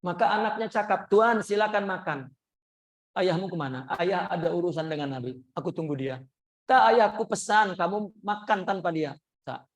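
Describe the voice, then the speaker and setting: A man teaching a religious class, telling a story and acting out the voices of its people. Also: moderate pace. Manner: lively storyteller acting out quoted voices with big pitch jumps. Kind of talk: sermon storytelling.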